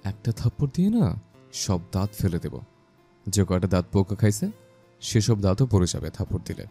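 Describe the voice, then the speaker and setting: A deep, very dark-toned bossy husband who barks orders and mocks,. His pitch swings widely as he teases and threatens. Soft music runs under the audio drama. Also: big pitch swings, fairly quick, slightly rough, full character voice. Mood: scolding. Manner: commanding, scolding, mocking. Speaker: domineering husband. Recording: faint background music.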